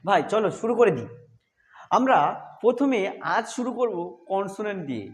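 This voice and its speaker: A man's voice: high voice, sing-song, normal speed. A man teaching English pronunciation rules step by step, patiently repeating each point. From Bengal. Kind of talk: explaining a phonics lesson.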